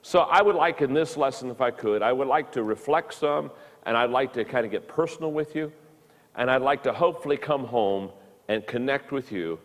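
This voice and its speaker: A man's voice: medium pitch, in a large hall. A man in his fifties giving a recorded leadership lesson, often stumbling and repeating words as he talks. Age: 50s. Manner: halting, repeats words while speaking. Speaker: leadership teacher.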